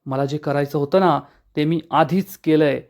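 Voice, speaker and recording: A man's voice: fairly high pitch, moderate pace, close to an everyday voice. A man voicing a fierce, protective father who is a powerful lawyer, speaking in a stern, threatening manner. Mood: stern tender.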